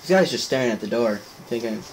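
Excitable young guy yelling at a game. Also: medium pitch, quick pace. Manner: excitable, swears and yells at the game. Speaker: game commentator. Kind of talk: casual gameplay commentary. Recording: noisy home recording.

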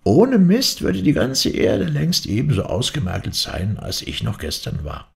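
A man's voice: wildly swooping pitch, measured pace, vocal fry, heavily acted. A man voicing a once-old woman made young again, telling her tale to a friend in a storybook reading. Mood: coaxing. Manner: chatty storytelling, wide swings in pitch.

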